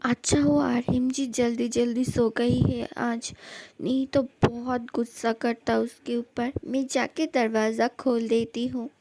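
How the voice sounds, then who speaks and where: A woman's voice: fairly high pitch, little pitch movement, a little slow, noisy background. A woman voicing an indulgent older sister in a fan dub drama, mock-stern and fondly exasperated. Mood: musing.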